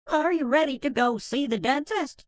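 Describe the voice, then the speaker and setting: A friendly purple creature at the front desk, voiced by a male narrator chirps out polite help in a high, squeaky voice. His tone is light and helpful. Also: moderate pace, no room sound, studio quality. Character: purple many-armed male receptionist, friendly.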